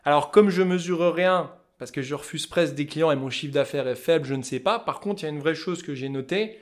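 A man with a Vosges accent, a fly-tying business owner talking loudly and passionately as an interview guest. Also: on the high side, brisk. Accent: Vosges French. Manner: loud, passionate, talkative. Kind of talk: casual interview chat.

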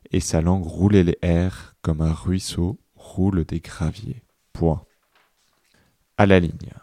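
Slow, deep-voiced man reading a dictation. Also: mellow, no echo, clean studio sound. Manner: slow, deliberate, repeats phrases and speaks the punctuation. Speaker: dictation reader.

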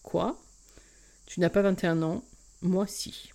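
A woman's voice: lowish voice, fairly even intonation, takes it slowly, gravelly. A woman reading a romance aloud, voicing an insolent young man who teases in short, curt lines. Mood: teasing. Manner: curt, quiet. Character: insolent, teasing young man love interest. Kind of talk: audiobook reading.

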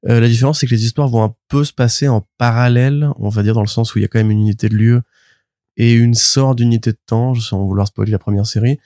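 A man's voice: mid-range voice, steady tone, fast, dark tone, no room sound, clean studio sound. A man co-hosting a comics podcast, chatting casually and teasing his co-host. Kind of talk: casual chat reviewing comics.

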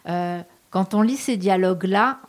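A woman hosts a radio interview with students. She is lively and encouraging and hesitates often as she talks. Her voice sits at an ordinary pitch. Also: unhurried. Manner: lively, encouraging, many fillers. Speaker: radio host.

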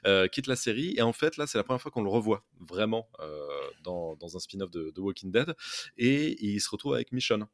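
Hesitant low-voiced podcast host. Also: male voice, expressive, fairly quick. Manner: hesitant, many fillers and restarts, searches for words. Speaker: podcast co-host giving a recommendation. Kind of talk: casual podcast chat.

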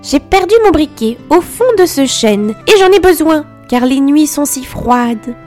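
A sly, whiny old woman, put on by a female storyteller, pitched high above her usual voice and a touch grating. She talks in a wheedling storybook manner. Soft music plays faintly beneath. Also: lively intonation, measured pace. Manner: sly and cackling. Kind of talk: storybook reading.

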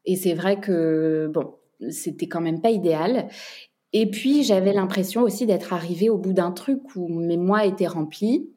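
A woman from France, a podcast guest and entrepreneur, chatting casually with many pauses and fillers, laughing now and then. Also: fairly low pitch, dark tone. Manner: hesitant, many fillers and restarts, laughs often. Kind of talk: casual chat.

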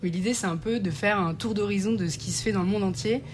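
A woman's voice: medium pitch, fast, a little hiss or hum. A woman in her twenties, a business student guest on radio, explaining eagerly with many fillers. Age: 20s. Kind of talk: radio interview.

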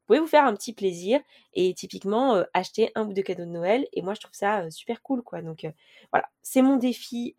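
A woman hosting a chatty money podcast at an ordinary, middling pitch. She rambles informally with lots of filler hesitations and the odd swear word, speaking straight to her listeners. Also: darkish tone. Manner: addresses listeners directly. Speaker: podcast host. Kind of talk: casual chatty personal-finance podcast.

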